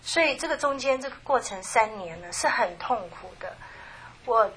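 Soft, halting middle-aged woman testifying. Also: a little high, expressive, a little hiss or hum. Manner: halting and soft, with many restarts and trailing phrases. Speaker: church member giving a testimony. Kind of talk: personal faith testimony.

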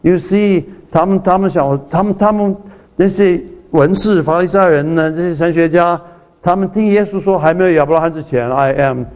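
Male preacher, fairly high voice, chatty sermon with restarts, rhetorical questions and English asides. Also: moderate pace, darkish tone. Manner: slips English phrases into the talk.

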